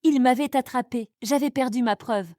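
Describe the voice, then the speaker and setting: A woman's voice: high-pitched, moderate pace, warm tone, no room sound, clean studio sound. A woman narrating a dramatic first-person story in a suspenseful storytelling manner.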